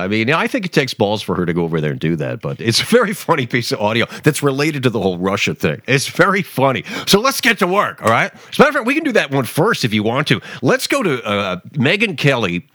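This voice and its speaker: A man's voice: lowish voice, a bit bright, dry recording. A man hosting his own talk podcast, rambling and sarcastic, with many fillers and restarts. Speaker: podcast host. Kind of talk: opinionated talk podcast monologue.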